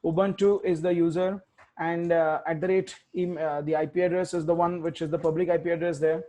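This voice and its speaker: A tech instructor leads a live coding tutorial, thinking aloud, correcting himself and muttering as he types commands. His voice is a little high and mellow, delivered flatly at a fairly quick pace.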